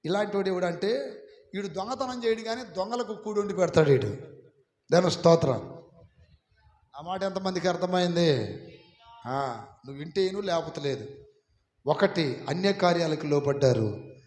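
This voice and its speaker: A man preaching a sermon as pastor, calling on the congregation to repeat his words back loudly. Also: sits high, lively intonation, moderate pace, pauses often. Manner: preaching with call-and-response, urging the congregation to repeat. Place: church hall. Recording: echoey hall, some of it from far off.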